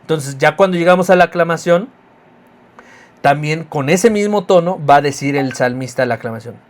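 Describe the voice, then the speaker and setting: A man with a Mexican accent teaching a course on reading at Mass, explaining clearly and sometimes chanting examples. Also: a little high, moderate pace. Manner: explanatory, chants sung examples of psalm responses. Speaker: liturgy course instructor.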